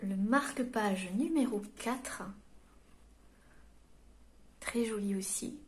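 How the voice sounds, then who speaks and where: A French woman giving a spiritual card reading, gently reading quotes aloud and encouraging her viewers. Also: medium pitch, slow. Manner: gentle and encouraging, reads quotes aloud then explains them.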